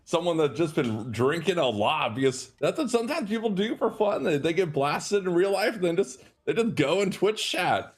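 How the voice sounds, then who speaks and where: A man's voice: fairly high pitch, expressive, moderate pace, hardly any pauses. A man who streams, chatting in an easygoing way in a casual podcast.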